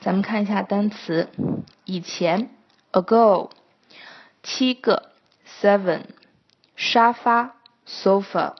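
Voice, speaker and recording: A woman teaching English pronunciation in a patient, explanatory lesson, pausing often with hesitation fillers. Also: mid-range voice. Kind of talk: scripted lesson narration. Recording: dull lo-fi recording.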